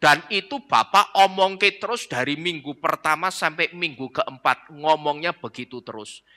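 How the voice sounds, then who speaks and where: A man preaching a sermon, telling a story in drawn-out emphatic phrases. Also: on the high side, pushed and bright. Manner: drawn-out emphatic phrases, mixes in Javanese words. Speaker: pastor. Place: church hall. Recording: reverberant church hall.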